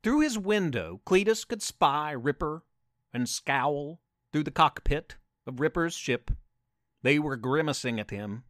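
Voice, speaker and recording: A man narrating a space adventure story with an animated, playful manner and asides to the listener. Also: a little high, a little slow, no room sound, studio quality.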